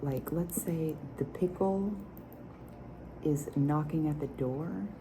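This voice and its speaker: A woman with a very low voice speaks softly and slowly, almost whispering, in an ASMR review style. Clear nail tapping and clicking runs along with her hushed talk. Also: noisy background. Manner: soft, hushed, near-whispered speech. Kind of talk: soft-spoken ASMR product review.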